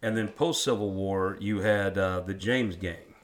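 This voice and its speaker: A lower-pitched man with a rural drawl hosts a history chat. He is folksy and quick to poke fun at himself, talking casually as he asks questions. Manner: folksy, self-deprecating. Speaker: interviewer and host. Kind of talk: casual local history interview.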